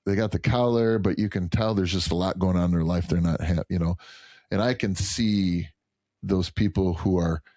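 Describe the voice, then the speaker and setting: A man's voice: low voice, fairly even intonation, moderate pace, mellow, dry recording. A man speaking as a podcast guest, earnest and rambling, restarting his sentences in casual conversation.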